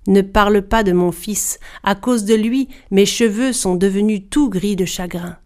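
A woman's voice: medium pitch, measured pace, a little mellow, natural voice. A woman voicing a stern, grieving old mother-in-law who calls out warnings, in a storybook reading. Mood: bitter.

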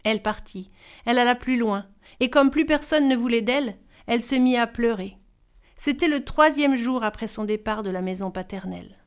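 A woman reading a fairy tale aloud as storyteller, expressive and varied in delivery. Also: on the high side, moderate pace, smooth.

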